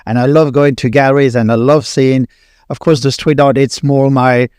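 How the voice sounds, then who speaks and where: A man's voice: mid-range voice, flat delivery, moderate pace, darkish tone, clear, resonant tone, no echo, studio quality. A man hosting a podcast, chatting casually and chiming in eagerly with his guest. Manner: enthusiastic, chiming in often. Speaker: podcast host. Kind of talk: casual interview chat.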